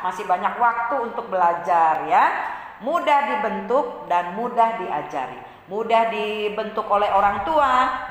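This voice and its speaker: A woman teaching a children's Bible lesson in a gentle, patient way, often repeating points and checking in with "ya". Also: mid-range voice. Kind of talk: Sunday-school lesson for children. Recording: echoey room with long reverb.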